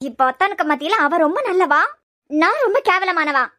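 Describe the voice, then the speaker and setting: A woman's voice: very high-pitched, animated, a little fast, bright, forceful tone, exaggerated voice. A woman voicing a jealous, scheming young woman in a cartoon series, muttering spitefully in a Kanyakumari Tamil accent. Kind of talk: cartoon web series voice acting.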